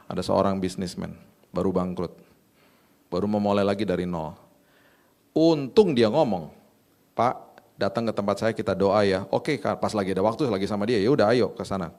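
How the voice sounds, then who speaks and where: A man's voice: fairly low pitch, a little mellow. Man preaching a casual, anecdotal sermon. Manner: conversational, tells anecdotes, acts out dialogue; informal Jakarta slang. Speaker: pastor.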